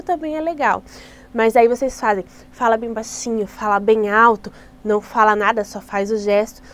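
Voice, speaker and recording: A Brazilian woman training Sunday school teachers in a chatty, explanatory way, often restarting and adding tag questions. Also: fairly high pitch. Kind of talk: informal teaching tutorial.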